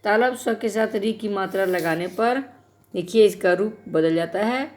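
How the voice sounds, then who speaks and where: A woman's voice: medium pitch, normal speed, darkish tone. A woman teaching a grammar lesson to schoolchildren, explaining patiently and speaking to the children directly.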